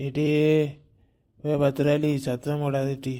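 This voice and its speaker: A woman putting on a deep voice as a sleepy, grumpy husband woken at night. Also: flat delivery, takes it slowly, dark tone.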